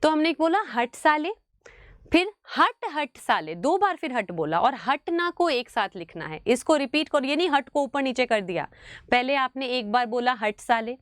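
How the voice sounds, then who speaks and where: A high-pitched woman teaches biology in an exam-prep lecture. Her voice swings widely as she coaxes students and slowly drills key words. The sound is dry and close. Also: no echo. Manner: animated, mixes English into Hindi, calls students "beta".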